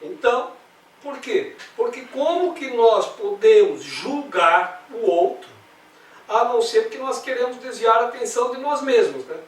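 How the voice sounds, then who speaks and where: A man's voice: very high voice, expressive, measured pace. A man with a Brazilian accent leading a spiritual study group, talking conversationally with rhetorical questions. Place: meeting room. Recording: roomy, distant mic, faint noise.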